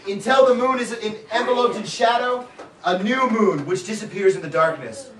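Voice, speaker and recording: In a comic script reading, a woman with a medium-pitched voice and normal pace theatrically narrates stage directions, breaking off for playful asides. The room is echoey, the camera mic is far off, and a crowd can be heard.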